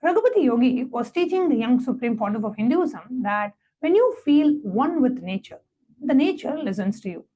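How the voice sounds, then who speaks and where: A woman presents a devotional satsang, reading a story aloud and then guiding listeners step by step in a measured, reverent manner. Her voice is high-pitched and sing-song, and the sound is lo-fi.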